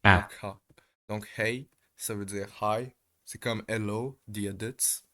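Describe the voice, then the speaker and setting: A man talks through his practice exercises at an unhurried, drawn-out pace. His voice sits a bit low, and he stops often to search for words, filling the gaps with hesitations. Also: fairly even intonation, fairly bright tone. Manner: hesitant, many pauses and fillers. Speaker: language learner explaining exercises. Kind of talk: casual step-by-step explanation.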